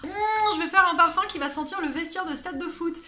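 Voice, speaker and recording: A woman's voice: very high voice, steady tone, quick pace, sharp tone. A woman chatting casually as a perfume vlogger, playful and self-mocking, with many fillers. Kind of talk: casual vlog chat. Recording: echoey room with faint music.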